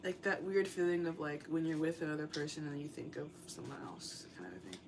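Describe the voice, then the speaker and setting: A woman's voice: sits low, brisk. Young woman doing a chill tarot reading, rambly, lots of "like", hissy noisy mic. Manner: rambling, filler-heavy, meandering. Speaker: tarot reader.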